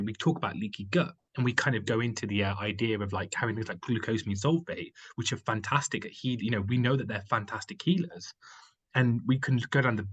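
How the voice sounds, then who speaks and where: A man with a husky, slightly rough voice speaks as a podcast guest. He talks casually and rambles, tossing in filler words as he goes. His pitch sits in an ordinary middle range. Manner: rambling, filler-heavy storytelling with many "like"s. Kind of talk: casual chat.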